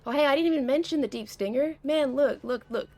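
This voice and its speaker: Her high, slightly mellow voice moves a little fast as she plays through a game on stream. This young woman chats and rambles in casual commentary, frequently breaking off partway through a sentence.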